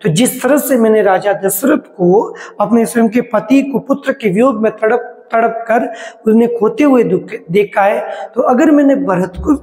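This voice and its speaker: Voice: mid-range voice, a little mellow. A college literature lecturer who reads out lines of a poem and then explains them word by word. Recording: echoey reverberant room.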